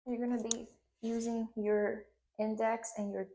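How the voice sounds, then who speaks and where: A Puerto Rican woman in her thirties, a Spanish speaker with that island's accent, leads a hands-on hairstyling tutorial and keeps checking in with "okay?". Her voice is a little high and warm, her delivery flat and a bit slow, with a slight hiss or hum in the audio.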